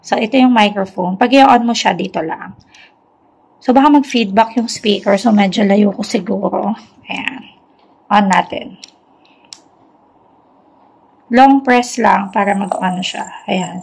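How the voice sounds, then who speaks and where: A young woman and teacher, talking softly and chattily at home at night in a casual product review vlog. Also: medium pitch, unhurried, vocal fry, breathy edge, rough recording. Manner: talks softly, near a whisper, at night; chatty, mixing Tagalog and English. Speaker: teacher reviewing a lapel mic.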